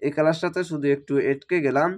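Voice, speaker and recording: Breaking each word into its letters and vowel marks, a man slowly guides listeners through a spelled-out recitation lesson and repeats himself with patience. His voice is somewhat high, with fairly even intonation, and sounds a little strained, as if he's slightly unwell.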